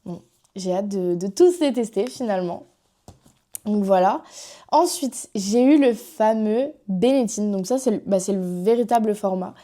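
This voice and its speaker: A woman's voice: medium pitch, a little slow, mellow. A young woman with a French accent chatting casually through a makeup haul, rambling with lots of fillers. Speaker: vlogger.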